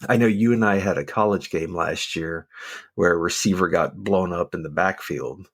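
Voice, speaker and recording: A man's voice: low-pitched, moderate pace, fairly bright tone, dry recording. A man co-hosting a podcast, explaining officiating rules in a casual, methodical way with frequent fillers. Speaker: podcast co-host, football official.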